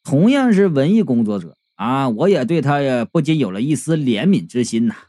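Brief: male comic narrator, animated and a bit high, faint music bed. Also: moderate pace, no room sound. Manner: chatty, lively, colloquial storytelling. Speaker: storyteller.

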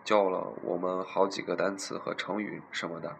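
A man's voice: sits low, steady tone, moderate pace, creaky, slight background noise, low-quality recording. A young man from eastern China telling a funny story in a playful, amused way. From Zhejiang, China. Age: young adult. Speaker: vlogger. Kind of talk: casual storytelling.

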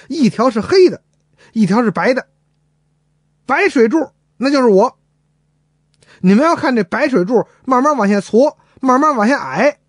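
A man's voice: extremely high pitch, husky, no room sound, clean studio sound, pitched above the performer's own voice, exaggerated voice. A man voicing a young male dragon villain who swaggers and bullies. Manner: swaggering, bullying.

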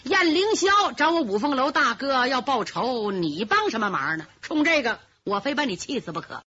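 A woman's voice: high-pitched, big pitch swings, normal speed, slight background noise, full character voice. A woman storyteller voicing a sly young male hero who mocks his foes and fakes a stammer. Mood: mocking. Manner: stammering, sharp-tongued. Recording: lo-fi muffled recording.

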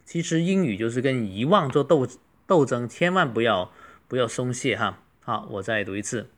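A man's voice: medium pitch, lively intonation. Patient man modeling English phrases. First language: Mandarin. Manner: slow, drawn-out model phrases between quick explanations. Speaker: English teacher. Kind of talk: beginner English lesson.

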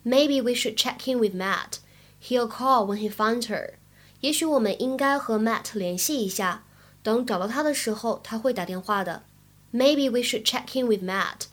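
Woman English teacher, slightly high voice, clear and careful explanations. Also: moderate pace, a bit bright. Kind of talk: language lesson.

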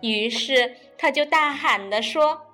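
A woman reading a children's picture book aloud in a playful, animated way. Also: high voice, slow pace, faint music behind. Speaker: storyteller.

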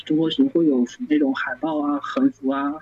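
A man who founded a fan site appears as a guest on an interview podcast, talking casually but haltingly with many stammered restarts. His voice is on the high side and darkish, with little pitch movement, and the recording has dull lo-fi sound with a little hiss or hum.

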